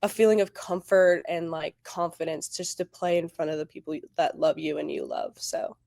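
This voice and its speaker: A woman in her twenties, a college softball player, talking in a casual interview, animated and full of "like". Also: low-pitched, normal speed, gravelly, no room sound, clean studio sound. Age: 20s. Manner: animated, heavy use of "like", quotes teammates.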